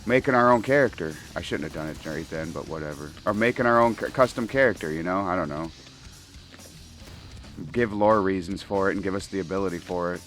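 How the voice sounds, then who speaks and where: A man's voice: low-pitched, fairly quick, fairly bright tone. A man rambling casually and profanely while playing a shooter game, laughing often, at a home gaming setup with faint game music behind him. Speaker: gaming commentator.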